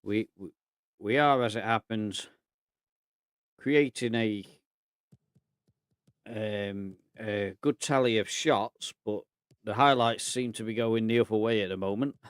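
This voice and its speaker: A man's voice: fairly low pitch, slow, long pauses, clear, resonant tone, no room sound. A man, out of breath, casually commentating over a football management game and thinking aloud as the match plays out. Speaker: video game player and channel host.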